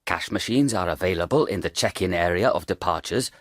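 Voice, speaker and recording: A man reading scripted informational narration in a measured, factual manner. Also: low-pitched, no room sound, studio quality. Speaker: audio guide narrator.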